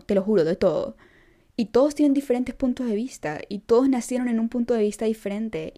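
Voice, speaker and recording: Young woman vlogging, warm mellow voice, chatty and emphatic, laughs a lot. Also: medium pitch. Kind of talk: casual chat to followers. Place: Los Angeles.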